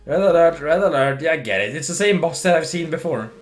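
A drunk young gamer from Sweden, strong Swedish accent, rambles through casual commentary while livestreaming a video game, giggling, slurring, and restarting words. His fairly high voice is fast with lively intonation and going hoarse, over soft background music.

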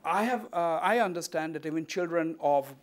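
A man's voice: fairly high pitch, moderate pace. A middle-aged man with an educated Indian accent, questioning formally and courteously as a television talk show host. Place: indoor office set.

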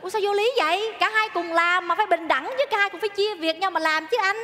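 Woman, stage comedy sketch, scolding tone, high pitch, bright voice, hall reverb. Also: fast, slight background noise. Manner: scolding, argumentative, addresses the audience. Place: theater stage with audience.

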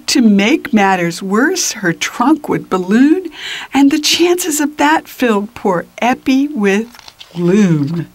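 Reading aloud from a children's picture book, an older woman with a higher-leaning voice uses an expressive, deliberate manner. She sinks into whispers at times and tosses in little asides to those listening.

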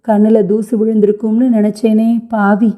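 A woman's voice: medium pitch, completely flat delivery, moderate pace, dark tone, natural voice. Woman voicing a grieving old grandmother. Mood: lamenting. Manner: lamenting, pleading, raw with tears. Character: grieving elderly grandmother, widowed young, stubborn.

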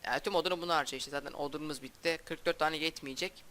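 A young man casually commenting on his own gameplay as a YouTuber, talking in a halting, stumbling way with frequent restarts and a flat, subdued delivery. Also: a little high, a little hiss or hum. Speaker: gaming YouTuber.

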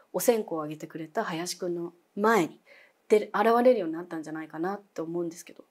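A woman's voice: medium pitch, dark tone. A young adult woman telling a ghost story as a guest, dramatic, dropping to whispers and acting out voices.

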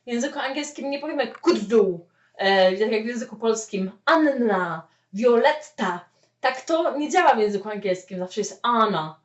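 A woman teaching a spoken English lesson, explaining with lively "okay?" check-ins. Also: on the high side, normal speed. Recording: echoey room, mic at a distance, dull lo-fi sound.

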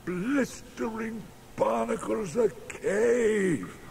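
An actor playing a gruff, big-hearted, blustery older sea captain with a gravelly voice in a radio drama. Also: male voice, high voice, extremely slow, loud music behind the voice, heavily acted. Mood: astonished, flustered. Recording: noisy sound effects behind.

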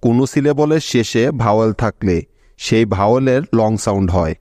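A man's voice: on the low side, fairly quick, a little mellow, no echo, studio quality. A man giving a patient, scripted spoken lesson as an English pronunciation teacher, explaining step by step and checking in with learners.

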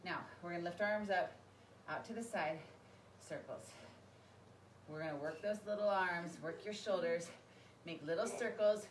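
A woman's voice: on the low side, normal speed, long pauses. A woman leading a workout as an aerobics instructor, calling out short encouraging cues and counts while she exercises. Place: large carpeted room with high vaulted ceiling, indoors. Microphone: camera a few metres away. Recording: roomy, distant mic, clearly noisy.

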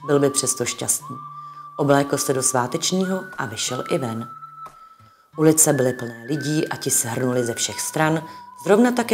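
A woman reading a storybook aloud with calm, even narration. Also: deep voice, a little hiss or hum.

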